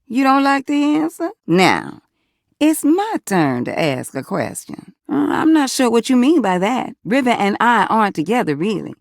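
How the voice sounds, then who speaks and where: This is video game dialogue from a sassy, folksy American lady, a household fixture brought to life. She coaxes and teases in colloquial speech with wide pitch swings and a creaky voice, sounding warm-hearted yet sassy and challenging. The recording is close and dry with no echo.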